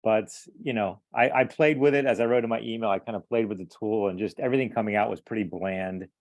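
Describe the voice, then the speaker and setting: A man's voice: on the low side, fast, a little mellow, dry recording, lo-fi sound. A man joining a casual discussion over a video call, easygoing and agreeable. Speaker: panel guest.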